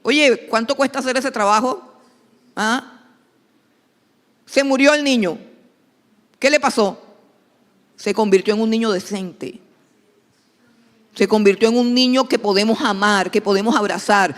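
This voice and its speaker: A woman's voice: a little high, measured pace, long pauses, long reverb tail. A woman pastor, preaching a sermon emphatically and repeating key phrases for stress.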